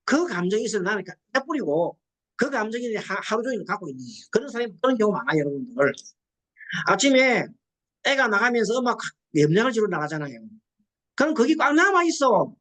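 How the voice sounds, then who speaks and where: A woman's voice: medium pitch, big pitch swings, fairly quick, a bit bright. A middle-aged woman, a Buddhist nun, gives a classroom lecture on psychology counseling, quizzing the class and acting out quoted dialogue.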